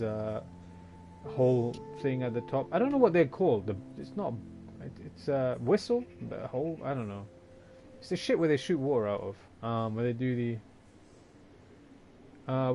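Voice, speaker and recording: A man's voice: mid-range voice, mellow. Rambling young man streaming a game. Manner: rambling, jokey, talks to chat. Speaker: gameplay streamer. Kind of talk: casual let's-play commentary.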